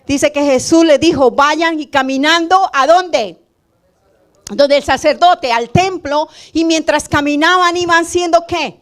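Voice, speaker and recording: High-voiced woman preaching with call-and-response. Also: measured pace. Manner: animated call-and-response preaching, asks the congregation questions; cries out loudly when quoting pleas. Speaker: pastor. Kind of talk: sermon. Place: church service with congregation.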